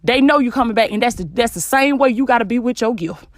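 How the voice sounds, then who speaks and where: A woman's voice: on the high side, expressive, fast, no echo, clean studio sound. A woman hosting a podcast, giving an informal, preachy motivational talk in a blunt, emphatic way and repeating phrases for effect. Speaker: podcast host giving motivational business advice. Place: small closet at home.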